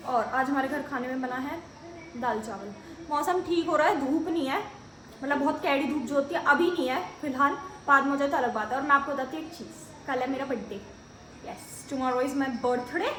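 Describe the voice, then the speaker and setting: A woman in her late forties chats casually through a family home vlog, scolding and teasing a child as she goes. Her voice is high and fairly bright, and she talks a little fast. A little hiss or hum sits under the recording.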